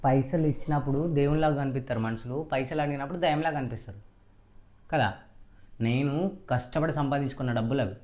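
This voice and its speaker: A man's voice: medium pitch, fast, darkish tone. A man, arguing insistently with his wife and raising his voice in a staged family quarrel. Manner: accusing, insistent, raises voice. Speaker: husband.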